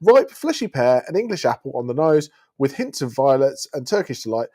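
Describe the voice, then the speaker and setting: A man presenting wine, reading sommelier-style tasting notes aloud in a measured, descriptive way. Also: medium pitch, sing-song, mellow.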